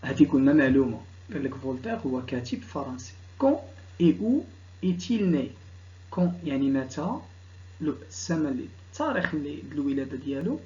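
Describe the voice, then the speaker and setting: A male teacher with a Moroccan Arabic accent works through an exam correction, reading each question slowly before explaining it at a quicker clip. His voice sits at an ordinary middle pitch, and the recording sounds dull and lo-fi. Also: big pitch swings, a little mellow. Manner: reads French questions slowly, then explains quickly in dialect.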